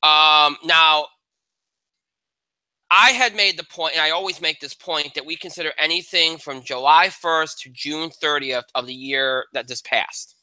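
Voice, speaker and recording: A man's voice: a little high, unhurried, pushed and bright, dry recording, poor audio. A man hosting a casual talk show, analyzing award winners in a rambling way with many restarts. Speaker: podcast host. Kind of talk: casual chat.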